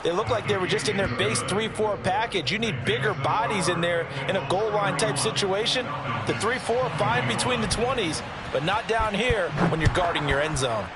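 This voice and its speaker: High-voiced American man, football color analyst. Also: normal speed, heavy background noise.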